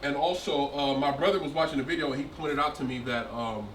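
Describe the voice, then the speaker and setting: A man's voice: medium pitch, fast talker, a bit bright. A man co-hosting a casual live chat show, thinking aloud with many fillers and restarts. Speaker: podcast co-host. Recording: echoey room, distant mic, faint noise.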